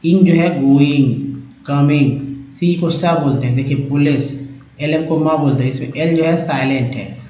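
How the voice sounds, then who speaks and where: A man's voice: on the high side, unhurried, warm tone, echoey room, dull audio. A man teaching English reading from slides, spelling out letter groups and sounding out words in a repetitive drilling way. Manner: addresses viewers as friends, emphatic. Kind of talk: slide-based phonics lesson.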